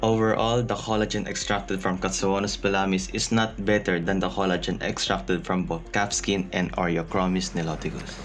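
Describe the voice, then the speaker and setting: Man, fairly low pitch, student presenter, scripted infomercial script, music bed. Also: little pitch movement, normal speed, few pauses. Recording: background music under the voice.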